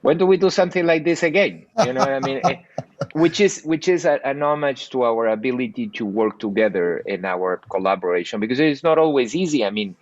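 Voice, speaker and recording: An older man from South America, a cinematographer telling stories on a video call interview, animated with frequent restarts. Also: no echo, muffled recording. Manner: animated storyteller, lively pitch swings, frequent restarts. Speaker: cinematographer guest. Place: bright home room by window. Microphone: earbuds on video call.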